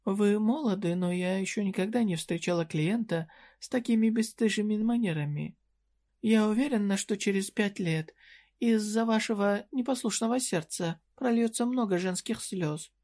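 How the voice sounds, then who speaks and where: A narrator reads an audiobook character, a sly, cheerful, shrewd dungeon merchant woman, in a medium-pitched, warm voice at normal speed. She raises her voice above her own natural pitch while staying close to an everyday sound, playing the role teasing and flirty yet businesslike.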